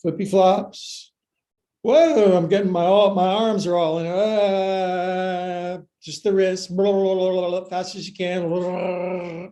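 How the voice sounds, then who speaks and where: A man's voice: high-pitched, little pitch movement, unhurried, dark tone. A middle-aged man leading a live-streamed yoga class, giving short clipped commands and counts mixed with playful, folksy joking asides. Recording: echoey room sound.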